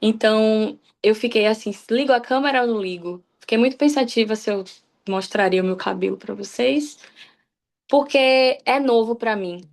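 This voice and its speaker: A woman's voice: a little high, moderate pace. A young woman from Salvador, Bahia, giving a personal devotional talk on a church livestream, speaking candidly and often restarting her sentences. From Salvador, Bahia, Brazil. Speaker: guest preacher on a church livestream.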